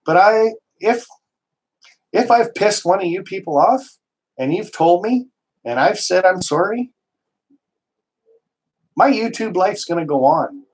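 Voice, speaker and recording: A man from Canada hosting a casual live stream, talking in a slightly high voice. He gets worked up and emphatic, rambling through restarts and dropping the odd mild swear word. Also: expressive, measured pace, long pauses, a little hiss or hum, rough recording.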